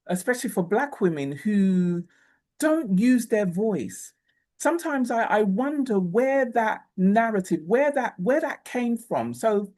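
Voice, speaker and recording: A woman's voice: mid-range voice, a little mellow. Podcast host, woman, reflective interviewer who talks things through with frequent fillers. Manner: thoughtful, reflective, many filler phrases. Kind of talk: interview conversation.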